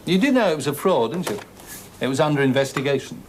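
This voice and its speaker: This is a brusque police inspector in a TV crime drama, played by a man, and his voice rises and falls a great deal. He presses and needles the people he questions. Clear background noise runs under his lines. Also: on the high side, animated, quick pace, natural voice. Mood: probing. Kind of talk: British television drama acting.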